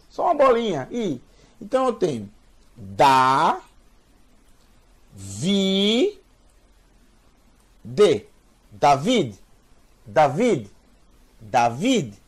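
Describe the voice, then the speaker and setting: A man's voice: sits high, a little mellow, breathy edge. A man giving a beginner's language lesson, patiently sounding out words and repeating them for learners. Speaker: teacher. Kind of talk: slow spoken language lesson.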